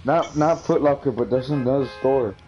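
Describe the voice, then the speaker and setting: A young man chatting casually while gaming, relaxed and slangy, laughing easily. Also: medium pitch, normal speed, muffled recording, slight background noise.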